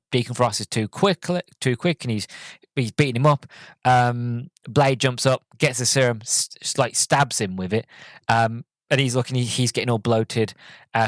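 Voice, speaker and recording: A man hosting a solo podcast, recapping a film in a loose, rambling way with many fillers and restarts and sudden bursts of excitement. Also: mid-range voice, no echo. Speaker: podcast host reviewing a film.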